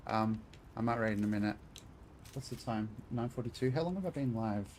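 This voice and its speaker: A man's voice: mid-range voice, a little mellow, a little hiss or hum. A man chatting casually to his viewers while playing a video game, joking and talking to chat. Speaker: streamer. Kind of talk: casual gaming stream chat.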